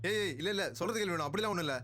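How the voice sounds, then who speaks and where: A man's voice: sits high, rapid-fire, sharp tone, faint music behind. An actor playing a cowardly young man who panics and stammers while dodging his lover. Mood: panicky.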